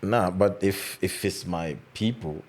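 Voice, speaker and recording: A man's voice: low voice, unhurried, darkish tone. A man with a Kenyan accent chatting casually as a guest, playful and boastful, slipping between two languages. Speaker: rapper, podcast guest. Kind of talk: casual chat mixing Swahili and English.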